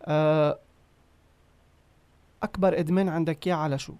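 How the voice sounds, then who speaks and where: A man's voice: a little high, steady tone, brisk, dark tone, clean tone, dry recording. A man with a Lebanese Arabic accent asking casual questions as an interviewer.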